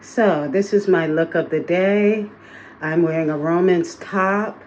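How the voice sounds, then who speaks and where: A vlogger chats casually with her viewers in a day-in-the-life video, full of fillers, recording on a phone held in her hand. Her voice sits on the low side and moves slowly, with the highs cut off and background noise present.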